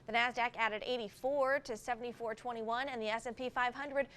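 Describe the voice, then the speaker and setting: A woman news anchor reading scripted news in a crisp, measured way. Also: a little high, fairly even intonation, a bit bright.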